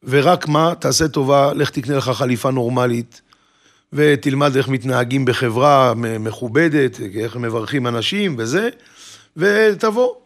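A man's voice: medium pitch, lightly acted. A man voicing a young woman pleading with her father and, later, her groom. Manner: pleading, stammering when scared.

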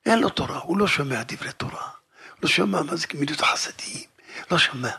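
A man preaching a religious story in an animated way, acting out the dialogue and dropping now and then into a whisper. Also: a little high, gravelly, husky. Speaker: preacher telling a religious tale. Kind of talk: storytelling sermon.

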